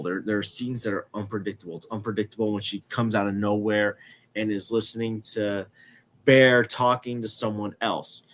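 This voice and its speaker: A man in his twenties speaks in a fairly low voice, congested from a cold. His nose sounds stuffy as he delivers casual film review commentary, often restating a phrase to stress it. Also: a bit bright. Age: 20s. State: has a cold. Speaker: film review podcast host.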